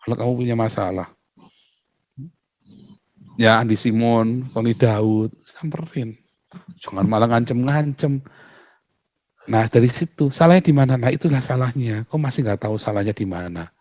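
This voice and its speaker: A man's voice: medium pitch, normal speed, pauses often, darkish tone, dry recording. Emphatic man pastor, dry close sound. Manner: emphatic, full of rhetorical questions. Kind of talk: outspoken casual talk.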